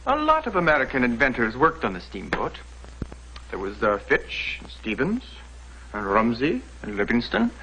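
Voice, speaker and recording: An actor playing a jovial Irish captain from the past in a scripted drama, with a leprechaun-like lilting brogue and folksy, chuckling manner. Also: male voice, medium pitch, huge pitch swings, moderate pace, bright, forceful tone, a little hiss or hum, full character voice, rough recording. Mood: merry, folksy. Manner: chuckling, folksy, exclaiming storyteller. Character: jovial red-haired Irish-American steamboat captain from the past. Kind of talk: scripted educational drama acting.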